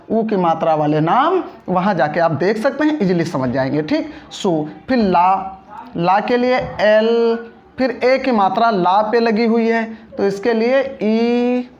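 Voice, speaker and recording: A patient teacher talks through a spelling lesson at an unhurried pace. Each word is split into pieces and rebuilt, with frequent check-up questions to the class. The recording sounds dull and muffled. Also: mid-range voice. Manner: patient, breaks words into syllables, asks check-up questions. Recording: dull lo-fi audio.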